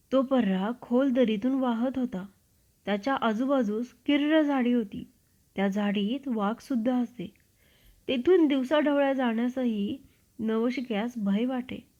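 A woman storyteller reading a classic book aloud in a measured, expressive narration. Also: a little high. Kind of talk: literary narration. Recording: dull lo-fi recording.

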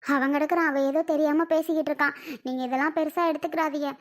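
A woman acting as a poor tenant who begs her landlord to lower the rent, pleading tearfully. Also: steady tone, fast, lightly acted. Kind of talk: village family skit.

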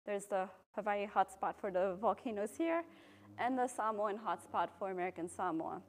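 A volcanologist from Belgium giving a public talk, a woman explaining at a podium microphone in a university lecture room, relaxed, with frequent ums. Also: medium pitch, moderate pace. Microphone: podium microphone, filmed from a far camera.

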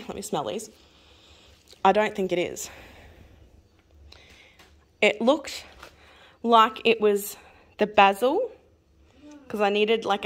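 An Australian woman in her thirties, chatting through a grocery haul for her family vlog in a rambling, fast way with small laughs. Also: medium pitch. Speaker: family vlogger.

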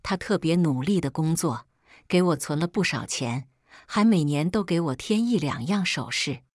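A woman narrating a first-person family story in a conversational, exasperated way. Her voice sits low but moves a lot in pitch, and the recording is dry and close. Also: expressive, moderate pace, no room sound.

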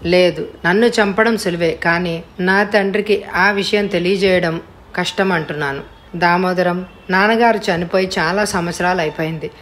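A woman reading an audiobook voices a frightened young woman who pleads softly. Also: fairly low pitch, moderate pace, natural voice. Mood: earnest. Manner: soft, pleading. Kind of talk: audiobook character voice.

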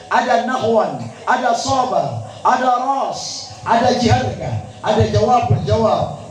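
High-voiced Gorontalo preacher, echoey crowd. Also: male voice. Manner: jokey, animated, chanting recitation in between. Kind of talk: humorous sermon with Quran recitation. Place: large tent venue with audience. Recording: echoey, distant crowd recording.

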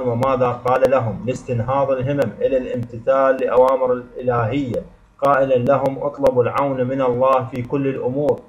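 A male teacher giving an exam review lesson, reading definitions and examples from his notes in a steady, listing way. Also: medium pitch. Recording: slightly dull lo-fi sound.

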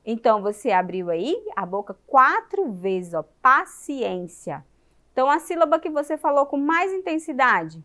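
A woman with a Brazilian Portuguese accent and a fairly high voice leads a primary school lesson for television. She keeps putting questions to the children and sounds out words slowly, one syllable at a time. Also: sing-song, fairly bright tone.

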